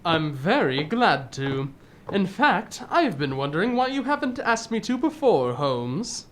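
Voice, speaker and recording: A woman as slow, animated, loyal Doctor Watson. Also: fairly low pitch, a little hiss or hum. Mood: earnest. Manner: earnest, measured storytelling. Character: Holmes's loyal, modest gentleman doctor companion, a man. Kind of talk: old-time radio drama acting.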